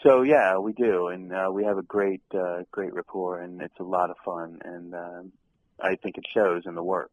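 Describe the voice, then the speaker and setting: Man, young adult, very deep voice, actor in an interview, halting, lots of ums, laughs easily. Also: steady tone, no room sound, poor audio. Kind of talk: casual interview chat.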